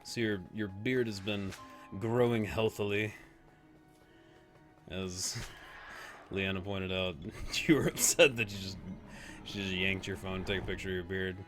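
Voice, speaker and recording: A man's voice: sits low, fairly even intonation, a little slow, pauses often, a bit bright, soft background music. A man streaming a video game live, chatting casually with viewers, reacting aloud to the play and laughing often.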